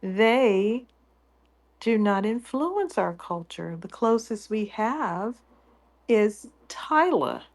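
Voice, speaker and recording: Slow, deliberate woman co-host. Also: medium pitch, big pitch swings. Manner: slow, deliberate and confident, with dry humor. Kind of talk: casual talk-show chat.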